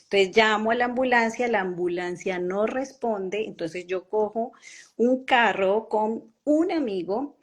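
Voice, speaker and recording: A woman with a Colombian accent giving an earnest, emotional personal testimony, halting with pauses and fillers. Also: mid-range voice.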